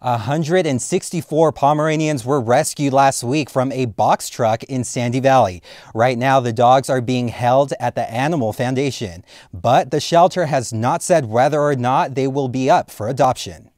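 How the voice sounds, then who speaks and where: A man anchoring a student TV newscast, reading bulletins in a steady, formal way from a studio. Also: mid-range voice, normal speed, no room sound. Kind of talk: read news bulletin.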